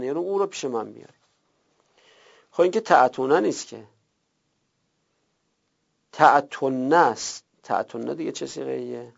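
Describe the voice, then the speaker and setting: A man teaching a Quranic Arabic grammar lesson, drilling verb forms slowly one by one. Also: fairly high pitch. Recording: gravelly, dull lo-fi recording.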